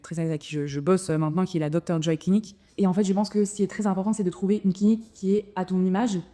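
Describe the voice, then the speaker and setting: Rapid-fire but steady, her lowish, dark voice carries a casual to-camera account of her move abroad. She's a dentist in her thirties whose native language is French, and she restarts often and uses plenty of fillers.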